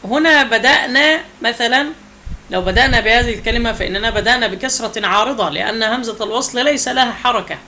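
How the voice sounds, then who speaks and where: A man teaching Quranic recitation rules, explaining step by step and slowing down to recite each example. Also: extremely high pitch, sharp tone, slight background noise, rough recording. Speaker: tajwid teacher.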